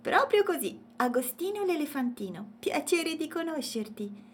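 A woman's voice: high-pitched, sing-song, normal speed, voice pushed up. A woman voicing a friendly young male elephant calf in a children's storybook, cheerful and playful.

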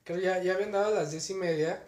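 A man's voice: sits high, fairly even intonation, quick pace, darkish tone. A young man with a Mexican accent telling rambling stories in slangy casual chat, laughing often. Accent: Mexican Spanish. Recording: roomy echo.

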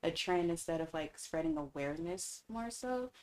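A woman's voice: on the low side, expressive, moderate pace, a little mellow, a little hiss or hum. A woman in her twenties chatting casually and earnestly, with a comforting, caring, maternal manner. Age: 20s. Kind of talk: casual chat.

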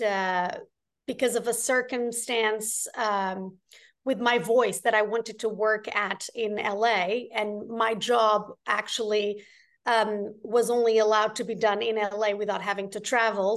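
A woman from Portugal, a guest telling her story earnestly and with many restarts. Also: on the high side. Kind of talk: casual interview chat.

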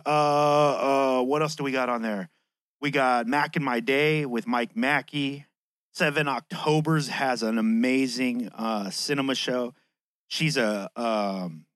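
A man's voice: mid-range voice, a bit bright, no room sound. A man with a lisp and whistling s sounds hosting a podcast in a casual, slangy, chatty monologue that swears freely. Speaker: podcast host.

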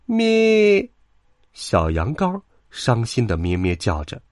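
Brief: expressive male bedtime-story reader, very lively pitch, dry recording. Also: unhurried, dry recording.

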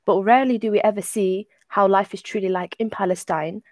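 A woman's voice: mid-range voice, fairly even intonation, a little fast, no echo. A young woman hosting a casual podcast interview, friendly, with short encouraging replies. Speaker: podcast host.

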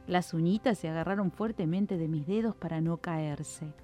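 A woman reading a children's story in an expressive, lilting way, with faint music behind. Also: fairly low pitch, normal speed.

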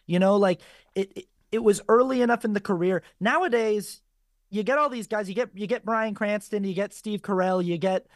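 A man's voice: sits high, normal speed, no echo, clean studio sound. A man who is a guest actor chatting casually on a podcast and telling stories with energy. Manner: animated storyteller, quotes others in lively voices.

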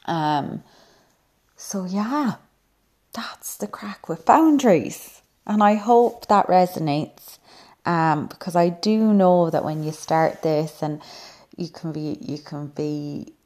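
A woman's voice: deep voice, slow pace, dark tone. A woman with an Irish accent giving an informal self-help talk as a wellbeing coach, earnest, reassuring and encouraging.

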